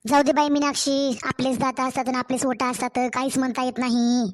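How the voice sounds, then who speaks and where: Cartoon role: woman as a doting village mother, Marathwada accent, high and fussy. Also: level tone, brisk, close to an everyday voice. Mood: resigned. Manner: fond, grumbling, rustic. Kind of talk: cartoon family story acting.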